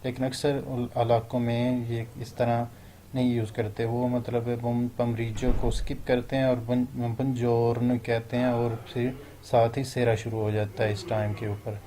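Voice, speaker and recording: A man with a Pakistani Urdu accent teaches phrases in a flat, even tone. His voice is mellow and dark, and he slows right down to stress each foreign phrase. Faint background noise sits behind him. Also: medium pitch. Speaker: language teacher. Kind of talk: explaining phrases step by step.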